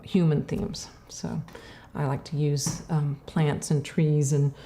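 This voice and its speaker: A middle-aged woman artist reflects during a casual interview, speaking haltingly with lots of fillers and restarts. Her voice is low, mellow, and creaky.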